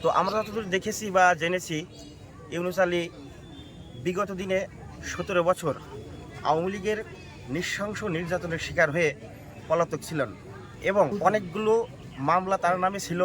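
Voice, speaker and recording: High-voiced man giving a formal statement. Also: steady tone, moderate pace, long pauses, fairly bright tone. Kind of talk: formal statement recounting events. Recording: outdoor crowd and traffic noise.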